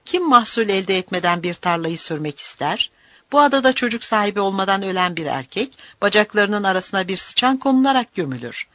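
Brief: cruel old village chief, put on by a narrator, lectures and threatens, lively and sharp, dry audiobook read. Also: medium pitch, a little fast, no echo. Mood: scornful. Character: older cruel male village elder.

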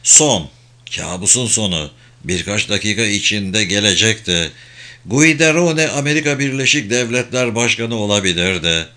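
Guy narrating an audiobook, dramatic and steady, lowish voice. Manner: dramatic, measured reading.

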